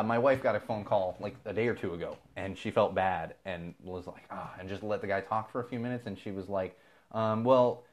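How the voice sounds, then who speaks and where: A man from Southern California hosting a live feed, ranting casually and with exasperation, swearing freely. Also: lowish voice. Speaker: podcast host.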